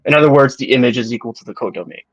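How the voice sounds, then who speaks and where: A man's voice: mid-range voice, very fast. Young man on dull lo-fi call audio. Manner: thinks aloud, jokey asides. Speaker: co-host answering questions. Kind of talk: casual chat over video call. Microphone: video call mic.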